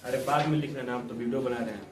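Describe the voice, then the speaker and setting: A man's voice: medium pitch, fairly even intonation, quick pace, recorded from a distance, noisy background. A man teaching grammar to students, explaining with everyday examples and checking often that they follow. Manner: explains with examples, keeps asking "ठीक?". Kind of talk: classroom Hindi grammar lesson. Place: room with students. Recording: echoey room, voice from off-mic.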